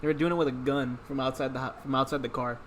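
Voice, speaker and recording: A young man in casual podcast chat, excitable and quick to swear. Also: medium pitch, a little hiss or hum.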